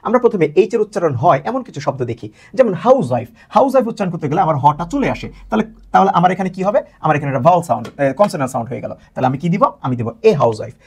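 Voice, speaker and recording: A man's voice: on the high side, sing-song, racing, darkish tone, breathy edge. A man teaching an English grammar lesson to students, asking rhetorical questions and answering them himself, repeating key words for emphasis.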